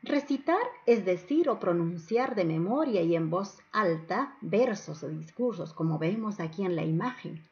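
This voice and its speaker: A woman's voice: fairly low pitch, expressive, normal speed, hardly any pauses, darkish tone. A woman narrating an instructional lesson as a teacher, enunciating didactically and stressing each point. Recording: dull lo-fi voice-over.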